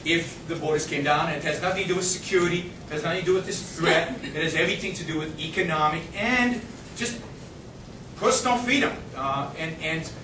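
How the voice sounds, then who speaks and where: Speaking a little high and a little fast, a middle-aged man from Israel fields audience questions as a guest speaker, emphatic and argumentative and often restarting. The impassioned Q&A takes place in a university lecture hall, captured from a distance amid echo and noise.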